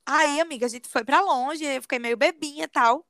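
A woman telling a personal story to a friend in a confiding, animated way. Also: sits high, brisk, no echo, clean studio sound. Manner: animated confiding storyteller, often says "amiga". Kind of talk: casual storytelling chat.

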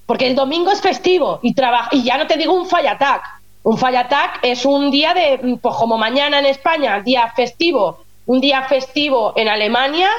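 A woman working as a nurse in Germany, explaining things in an animated, chatty way as a guest on a radio interview. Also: sits high, dull audio. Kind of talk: casual radio interview chat.

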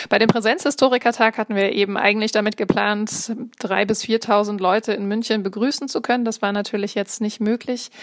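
A woman's voice: medium pitch, no echo, clean studio sound. A woman answering as an interview guest, explaining formally in long, structured, articulate sentences. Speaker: interview guest, event managing director.

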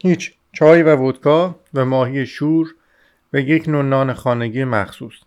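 A man's voice: mid-range voice, darkish tone, smooth, close to an everyday voice. A man voicing an eager, chatty young male student in an audiobook reading. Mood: eager chatter. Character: Razumikhin, lively talkative young male student.

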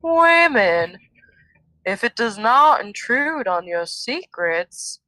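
Calm, watchful female captain with a Southern US drawl, read by a woman, slow and measured, bright tone. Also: a little high, no echo, heavily acted, rough recording. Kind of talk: dramatic reading of a book passage.

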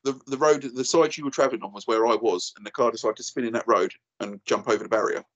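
A man's voice: medium pitch, fast talker, fairly bright tone, lo-fi sound. A man in his thirties with an Essex accent, telling an anecdote in casual, blokey, slangy chat. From Essex, England. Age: 30s. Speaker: podcast guest and YouTuber.

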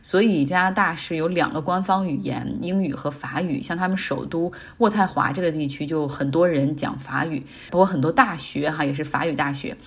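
Middle-aged woman, podcast host; low, husky voice, easygoing chatty commentary. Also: fairly quick, few pauses. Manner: chatty, explains English words in Chinese. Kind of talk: casual commentary.

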